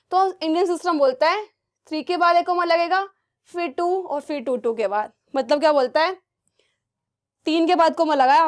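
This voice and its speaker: A young woman teaching a math lesson to children, coaxing the class with constant check questions. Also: sits high. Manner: asks many check questions, coaxing and repetitive.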